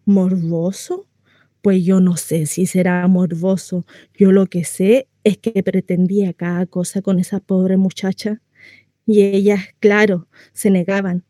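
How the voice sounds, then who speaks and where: A woman voices a lonely, naive housewife for radio, her warm, mellow, natural voice at medium pitch, level in tone and a little slow. She confides and gossips at rambling length, brightly claiming a good life and going coy and hesitant about delicate subjects. It's a very dry, close recording of a theatrical monologue.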